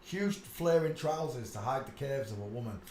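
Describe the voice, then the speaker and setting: A channel host with a mid-range, darkish voice and lively intonation talks at a moderate pace, with a little hiss or hum. In an echoey room with faint ambience, he rambles casually over pictures, insistent and emphatic, his asides trailing off amid many "uh"s.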